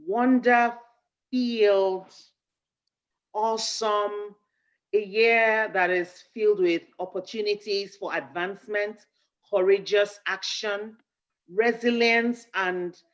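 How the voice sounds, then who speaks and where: A woman's voice: medium pitch, highs cut off. A woman giving a bubbly, enthusiastic toast on a video call, laughing as she talks.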